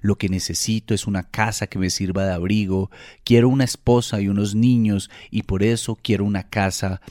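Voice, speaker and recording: A man voicing a boy who grows into a weary old man, speaking quietly and in a subdued way. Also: on the low side, steady tone, normal speed, no room sound, clean studio sound, lightly acted.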